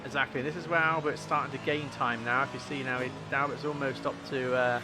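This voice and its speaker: A man's voice: mid-range voice, steady tone, fairly quick, music in the background. A man hosting a livestream with casual, chatty motorsport commentary on a sim race. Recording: clear engine noise behind voice.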